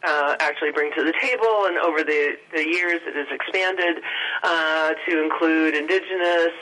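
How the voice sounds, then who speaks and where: A woman talking over the phone as an event organizer, pausing often with filler sounds. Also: low voice, fairly bright tone, low-quality recording. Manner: hesitant, many filler sounds. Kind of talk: phone-in interview.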